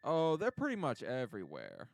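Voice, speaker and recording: A man's voice: medium pitch, wildly swooping pitch, moderate pace, vocal fry. A man voicing a ditzy, gossipy valley-girl palm tree in a tabletop game. He drawls and sighs, filling every phrase with "like". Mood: chatty. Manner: drawling, sighing, full of "like".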